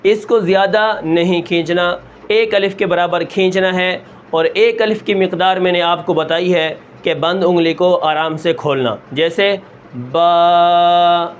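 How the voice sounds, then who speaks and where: High-voiced man teaching recitation. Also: fairly even intonation, lo-fi sound, a little hiss or hum. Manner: asks the class a question, then answers it himself; draws out sounds long and slow to show them. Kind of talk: step-by-step teaching with questions and answers.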